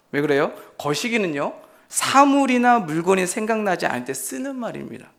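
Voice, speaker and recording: A man's voice: high-pitched, gravelly, fairly bright tone. A man, an associate pastor, preaching a sermon emphatically and asking his congregation rhetorical questions.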